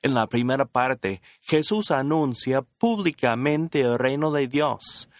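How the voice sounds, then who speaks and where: Calm male radio Bible teacher. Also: medium pitch, takes it slowly, no room sound, studio quality. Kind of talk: scripted radio teaching and prayer. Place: radio studio.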